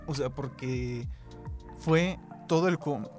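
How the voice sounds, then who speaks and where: A man's voice: medium pitch, slow, music in the background. Mexican young man telling a story. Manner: emotional storyteller who acts out quoted lines. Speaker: podcast co-host. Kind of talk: casual chat.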